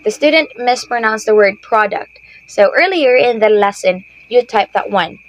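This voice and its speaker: A woman's voice: on the high side, expressive, normal speed, poor audio. A woman teacher giving patient, explanatory tips to other teachers, often checking in with "okay?". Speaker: ESL teacher. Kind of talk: instructional talk to teachers.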